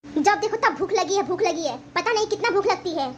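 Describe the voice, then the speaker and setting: A woman's voice: very high voice, animated, a little fast, slight background noise. A woman voicing a cold, impatient young daughter-in-law in a cartoon family drama, scolding her mother-in-law.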